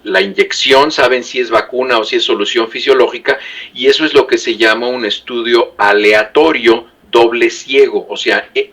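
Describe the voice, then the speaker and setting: A man talks at a middle pitch in a measured, explanatory way. He pauses often on fillers as he works through his points. The tone stays even and patient on a talk show.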